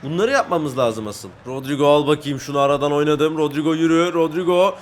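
A man giving excitable live commentary on his own football video game, shouting at teammates and taunting in a singsong voice. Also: a little high, brisk, slight background noise. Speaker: gaming YouTuber.

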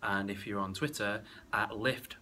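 A young man with a low, strikingly bright and forceful voice, chatting casually in a gym. He rambles and laughs easily, and there is a little background noise. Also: fairly even intonation, unhurried. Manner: jokey, laughs often, rambling. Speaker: co-host. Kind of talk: casual chat.

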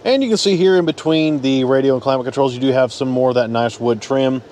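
A man's voice: medium pitch, fast talker, a little mellow, a little hiss or hum. Folksy man reviewing a truck. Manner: conversational, folksy, pointing things out. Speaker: car reviewer. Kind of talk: walkaround car review. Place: in and around a pickup truck at a dealership.

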